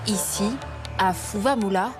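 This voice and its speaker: Female nature documentary narrator, unhurried and measured, mid-pitched, with dramatic phrasing over prominent music. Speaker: reporter narrating a travel report. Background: music under the voice.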